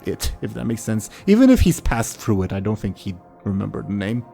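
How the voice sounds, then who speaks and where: Low, mellow-voiced man narrating a game. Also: sing-song, vocal fry, faint music behind. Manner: hesitant, halting, informal. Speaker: game master. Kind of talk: improvised tabletop game narration.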